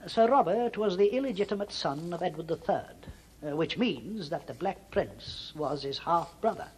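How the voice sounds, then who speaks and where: A man voicing a robot cavalier tour guide, speaking as a recorded voice played from a cassette inside the robot. He delivers a formal, measured, scripted tour of a hall. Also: on the high side, animated, darkish tone, slight background noise. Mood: stately, welcoming. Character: six-foot robot cavalier acting as a stately-home tour guide, male. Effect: robot voice played from a cassette tape inside the robot.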